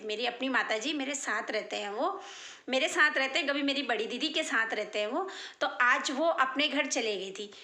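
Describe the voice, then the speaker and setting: A woman's voice: sits high, sharp tone, roomy sound. A woman in her thirties chatting to her viewers in a casual daily vlog, heartfelt and direct. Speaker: vlogger.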